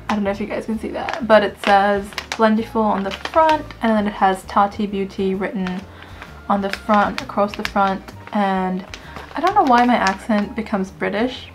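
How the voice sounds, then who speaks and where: A woman beauty vlogger giving a casual, jokey product review to camera, chatting and giggling. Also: medium pitch.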